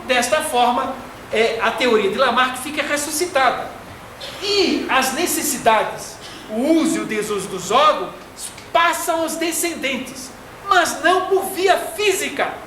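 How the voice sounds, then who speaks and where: A man from Florianópolis with a Brazilian Portuguese accent, giving a slow, didactic spiritist lecture. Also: very high voice, pushed and bright. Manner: didactic, slow and deliberate, fond of diminutives. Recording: echoey hall from far off, faint noise.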